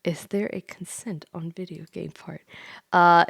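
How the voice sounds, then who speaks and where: Her fairly low, steady voice carries vocal fry as she speaks unhurriedly on her VTuber livestream. Tipsy from wine, she chats with viewers in a playful, giggly, rambling way, captured in a dry recording.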